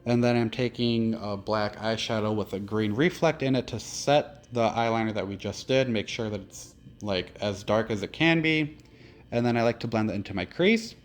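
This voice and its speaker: A man with a lowish voice and a lisp that makes his s sounds slushy walks through a makeup tutorial step by step at a normal pace. He's a drag performer, keeping it casual and conversational.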